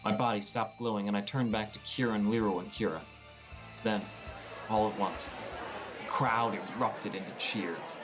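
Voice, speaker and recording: A male audiobook narrator reads scripted first-person fantasy narration at normal speed, his fairly low voice keeping a fairly even intonation. Prominent plucked guitar music forms a music bed beneath him.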